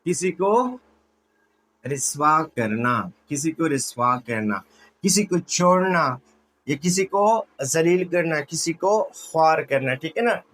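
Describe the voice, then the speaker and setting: A man's voice: on the high side, lively intonation, slow, a bit bright, poor audio. A man teaching English vocabulary, repeating words and asking and answering his own questions to his students. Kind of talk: classroom-style lesson explanation.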